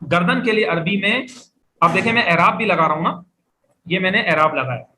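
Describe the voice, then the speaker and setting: A man's voice: high voice, lively intonation, moderate pace, bright, forceful tone. A man teaching Arabic vocabulary in a classroom lecture. He drills words and has his students repeat them after him. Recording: echoey room, faint background noise.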